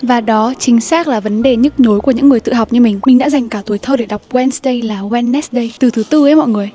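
In a casual vlog, a young woman whose first language is Vietnamese shares study tips with her viewers, chatty and self-deprecating, sounding words out as she practises. She speaks quickly, in a mellow, fairly high voice.

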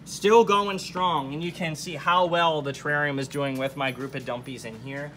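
A man's voice: fairly high pitch, fairly even intonation, moderate pace, fairly bright tone, faint music behind. A young man hosting a casual, enthusiastic tour, talking directly to viewers as he shows things around an indoor showroom. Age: young adult. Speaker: host giving a shop tour. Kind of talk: casual informal tour narration. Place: indoor showroom full of terrariums. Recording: clear background noise, terrarium room ambience.

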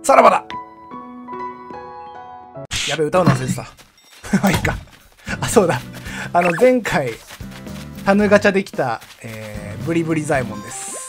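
A young male streamer chats casually while he plays, laughing often and bursting out loudly when something surprises him. His pitch swings widely from line to line. Game music plays clearly behind his voice. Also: sing-song, brisk, pauses often. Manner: chatty, laughs often, sudden loud outbursts. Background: background game music.

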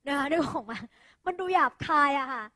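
A Thai woman teaching an English lesson to a class, lively and coaxing, leading the students through pronunciation drills. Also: high-pitched, fairly quick. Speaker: English tutor. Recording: echoey hall, phone recording.

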